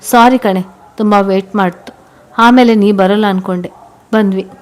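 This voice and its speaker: A woman's voice: medium pitch, fairly even intonation, moderate pace, natural voice. A woman voicing a young woman talking to her close friend in a familiar way. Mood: friendly.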